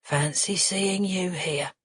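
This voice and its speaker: A woman's voice: fairly low pitch, a little slow, breathy edge, no room sound, studio quality. A woman voicing a crude, menacing middle-aged father who sneers and needles everyone at the table. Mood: sneering.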